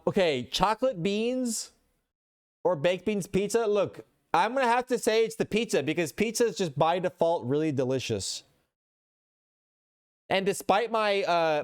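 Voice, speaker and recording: A man's voice: a little high, smooth. A man streaming live, chatting casually with his chat in a rambling way and reading posts aloud.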